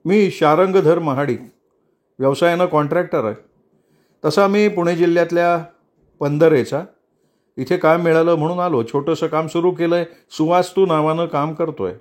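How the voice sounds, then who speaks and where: A man's voice: a little high, fairly even intonation, moderate pace, pitched above the performer's own voice, natural voice. A man voicing an eager, deferential male contractor who pleads his case in a Marathi audiobook reading. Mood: eager pleading.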